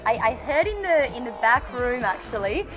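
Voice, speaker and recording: A woman's voice: on the high side, very animated, moderate pace. A bubbly woman interviewing guests at a fashion event, laughing often. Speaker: fashion show reporter. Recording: music playing behind.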